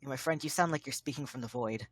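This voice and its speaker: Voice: medium pitch, fast talker, husky, dry recording, clean studio sound. A chatty, laugh-prone host talking on a live charity stream.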